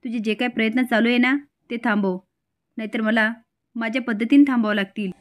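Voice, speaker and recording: A woman's voice: fairly high pitch, fairly even intonation, brisk, close to an everyday voice. A woman voicing a jealous young fiancée who accuses and scolds her rival in a retold television serial. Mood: scornful.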